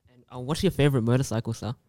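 A man's voice: medium pitch, racing, warm tone, no echo. Man asking playful interview questions, dry sound.

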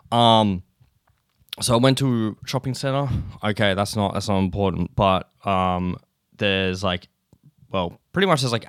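A young Australian man talks through a loose, profanity-laced solo podcast episode, a bit drowsy from just waking up. His voice sits very low and comes through smooth and clear. The sound is close and dry, with no room around it. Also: a bit bright, no room sound. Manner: rambling, swears often, laughs between thoughts. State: sleepy, just woken up. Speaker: podcast host. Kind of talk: casual solo podcast chat.

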